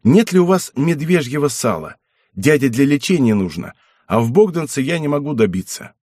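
A man's voice: mid-range voice, sing-song, moderate pace, darkish tone, slightly rough, no room sound, clean studio sound. A man doing an earnest young knight. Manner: earnest, courteous.

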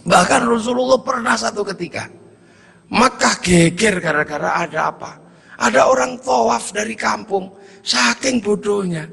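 A male preacher telling a story in a sermon, with shouted bursts and acted dialogue. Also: high-pitched, expressive, moderate pace, gravelly, husky. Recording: long hall reverb.

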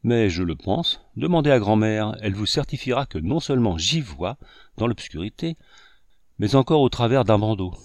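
A man voicing an eager girl of about sixteen, higher and louder than his narration. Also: big pitch swings, normal speed, no room sound, studio quality.

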